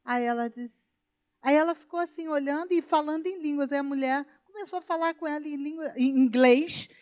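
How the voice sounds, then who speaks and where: A woman pastor with a Brazilian Portuguese accent, preaching a sermon in an emphatic storytelling manner that swings between soft and loud. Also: high-pitched, fairly quick. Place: church.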